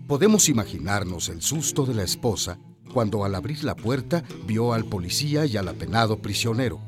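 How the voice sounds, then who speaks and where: A man narrating a dramatized literary audiobook as a scripted storyteller. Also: lowish voice.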